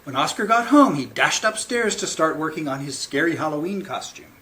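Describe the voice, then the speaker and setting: A man reading a picture book aloud to children as a librarian at storytime, with theatrical, deliberate phrasing. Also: fairly high pitch, lively intonation, bright, forceful tone, a little hiss or hum.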